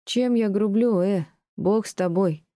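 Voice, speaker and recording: A woman voicing a blunt, resentful peasant man who answers in curt, gruff retorts, as an audiobook reading. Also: medium pitch, a little slow, mellow, dry recording, clean studio sound, pitched above the performer's own voice, lightly acted. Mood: defiant. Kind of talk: audiobook reading of classic prose.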